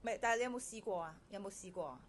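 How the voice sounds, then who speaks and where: A woman interviewing a job candidate in a brisk conversational way, repeating and rephrasing her questions. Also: medium pitch, slight background noise. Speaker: interviewer screening a domestic helper.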